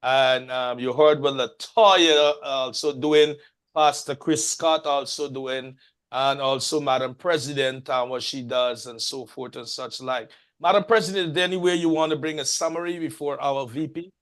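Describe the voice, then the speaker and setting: A man with a voice of ordinary pitch chairs a community association meeting. He speaks formally and welcomingly, calling on people by title and inviting them to share their work. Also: moderate pace, fairly bright tone, clear, resonant tone.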